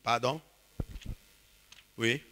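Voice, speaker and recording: A man preaching a sermon in short phrases, pausing for his interpreter and calling for amens. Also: medium pitch, fairly even intonation, sharp tone. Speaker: pastor. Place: church hall. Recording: reverberant church hall.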